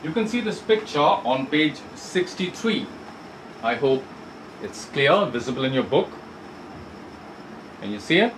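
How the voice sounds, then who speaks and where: A man's voice: fairly high pitch, big pitch swings, measured pace, pauses often, a bit bright, slight background noise, low-quality recording. A male English teacher giving an online class. He reads a textbook story aloud and explains it, asking students questions and rephrasing points. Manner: asks students questions, repeats and rephrases for clarity.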